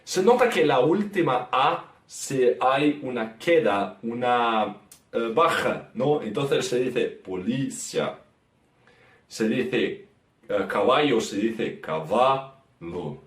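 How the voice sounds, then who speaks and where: A man with a Brazilian Portuguese accent, a native Portuguese speaker, slowly teaching vowel sounds and repeating example words. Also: medium pitch, lively intonation, reverberant, recorded from a distance. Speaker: guest teacher. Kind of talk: language lesson.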